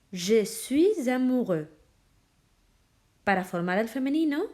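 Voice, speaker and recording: A woman teaches a French lesson, moving between French and as she explains. Her voice sits a little high and swings lively up and down. She speaks slowly and deliberately so learners can repeat after her. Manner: switches between French and Spanish, models pronunciation slowly. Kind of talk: slow, clear classroom lesson.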